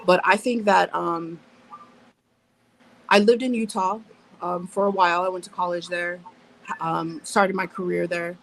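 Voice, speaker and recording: A woman in her thirties, appearing as a guest on a casual live panel, speaks in a lowish, gravelly, slightly bright voice with a steady tone and measured pace, pausing often. She's blunt and profane, keeps interrupting herself to restart, and over-explains. The audio is poor, with slight background noise.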